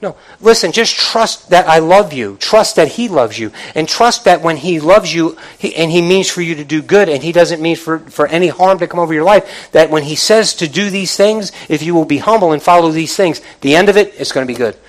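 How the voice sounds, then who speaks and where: Male preacher, high-pitched voice, motivational sermon, emphatic exhortation, repeated phrases, rhetorical questions, colloquial direct address. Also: brisk, few pauses, rough recording. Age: middle-aged or older. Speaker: pastor preaching to a congregation.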